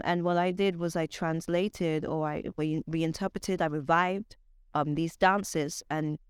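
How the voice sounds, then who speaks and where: A woman with a transatlantic accent mixing British and Barbadian talks about her writing as an interview guest, halting and correcting herself with emphasis. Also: sits low, clear, resonant tone, dry recording, clean studio sound. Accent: transatlantic mix of British and Barbadian. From born in Britain, raised in Barbados. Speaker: guest poet and author.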